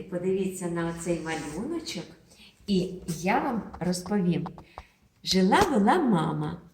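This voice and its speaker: A woman teacher speaks to small children in a slow, sing-song manner, her pitch rising and falling a lot. Her voice rings out in an echoey room. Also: darkish tone. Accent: Ukrainian. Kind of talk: children's lesson.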